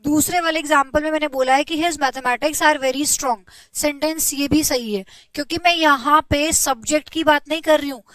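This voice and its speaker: Young female grammar teacher, high voice, patient and checking in often, slow dictation, dry close recording. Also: steady tone, fairly bright tone, no echo, low-quality recording. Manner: explains patiently with repeated check-ins to students; dictates example sentences slowly. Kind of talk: online class lecture.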